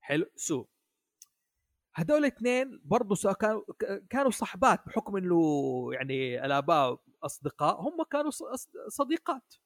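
Higher-voiced man chatting, hesitant. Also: big pitch swings, brisk, fairly bright tone, no echo, studio quality. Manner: hesitant, many restarts, asks "حلو؟" often. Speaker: podcast guest. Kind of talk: casual chat about an anime.

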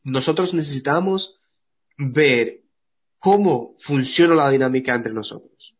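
A man's voice: medium pitch, unhurried, slightly rough, dull audio. A Dominican man with a Dominican Spanish accent, co-hosting a podcast and explaining his views at length in casual discussion. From Dominican Republic. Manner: earnest, explains at length with restarts. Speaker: podcast co-host.

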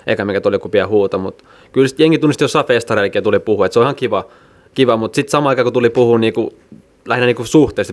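A young man, a podcast guest talking in a laid-back, rambling way that trails off. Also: fairly low pitch. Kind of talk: casual chat.

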